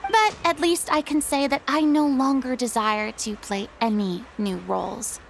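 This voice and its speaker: An actress voicing a haughty, dramatic retired stage diva in a video game, with theatrical, formal delivery. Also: female voice, high voice, measured pace, gravelly, slight background noise. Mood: wistful, resolute. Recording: background music under clean studio dialogue.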